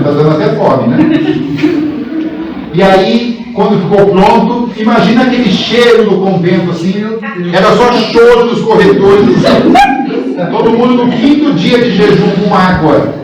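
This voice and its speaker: A man's voice: high-pitched, normal speed, a little mellow, slight background noise. A man from São Paulo state giving a guest talk at a spiritist center, telling a story conversationally and asking the audience questions. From São Paulo state, Brazil. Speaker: guest speaker. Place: large hall at a spiritist center. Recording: echoey hall, mic far off.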